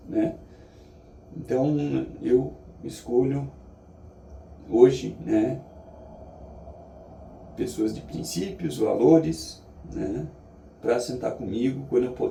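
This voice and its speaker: A Brazilian man reflects out loud in a casual vlog style, earnest and halting. His voice is very dark and creaky. It is picked up from a distance with clear room echo. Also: medium pitch. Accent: Brazilian Portuguese. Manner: earnest, halting, with frequent tag questions. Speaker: vlogger sharing daily reflections. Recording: echoey, distant mic, faint background noise.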